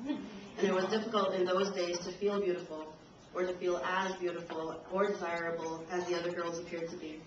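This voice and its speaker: Speaking briskly in a lowish voice, this invited Trinidadian speaker reads her prepared remarks to a university crowd, slightly on edge and letting out laughs now and then. The camcorder recording is far away in a spacious hall, sounding dull, roomy and noisy with constant hiss.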